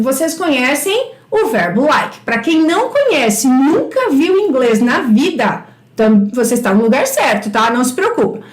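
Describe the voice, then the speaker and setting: A Brazilian woman with a high voice gives a live English lesson. She encourages her class and says each English phrase slowly, more than once. Her voice echoes around the room. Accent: Brazilian Portuguese. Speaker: English teacher.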